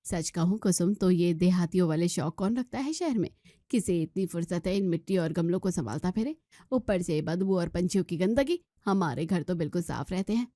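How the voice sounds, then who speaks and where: A sniffy, snobbish middle-aged friend, played by a woman in a narrated moral story. She complains in a quieter, slightly lower voice. The sound is dry and close. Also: expressive, moderate pace, no echo.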